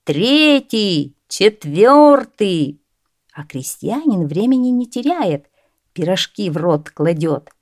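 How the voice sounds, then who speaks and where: A woman narrating a folk tale in a measured, expressive storybook reading. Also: fairly low pitch, no echo, studio quality.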